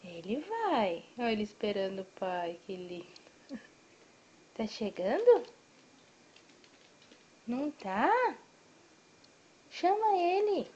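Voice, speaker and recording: Woman, coaxing baby talk to a pet, slow drawn-out words, muffled home video sound. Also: fairly high pitch, big pitch swings, a little mellow, husky. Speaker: pet owner. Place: indoors at home, by a door.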